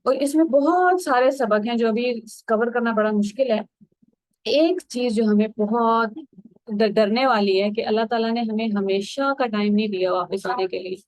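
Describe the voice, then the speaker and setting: A woman's voice: fairly high pitch, dry recording, rough recording. A woman giving a Quran commentary lesson, explaining earnestly in a conversational way and slipping in English words. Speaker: Quran teacher.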